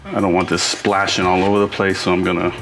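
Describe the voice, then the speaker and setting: A fast-talking middle-aged Bostonian with a low, fairly flat voice hosts a home cooking show. He talks informally and thinks out loud during the casual kitchen demonstration, and music plays in an echoey room.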